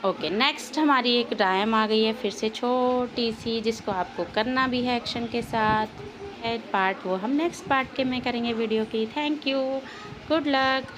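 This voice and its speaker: A woman teacher talks through a lesson with a fairly high voice. She asks a question, answers it herself, and mixes English words into her Hindi. A faint hiss runs under the recording. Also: a little slow. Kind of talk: explaining a textbook lesson.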